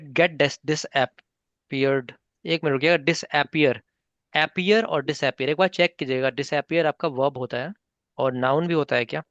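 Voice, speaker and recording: A man's voice: mid-range voice, a bit bright, no room sound, muffled recording. A man teaching a spoken English class online, patiently mixing Hindi and English and coaxing learners by name.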